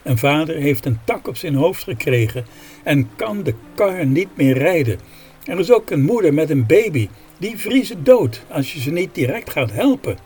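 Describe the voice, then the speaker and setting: A man's voice: on the high side, expressive, moderate pace, darkish tone, slightly rough. A man voicing a kind, determined old village woman who speaks firmly and pleadingly in a spoken storybook. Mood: urgent. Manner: firm and pleading.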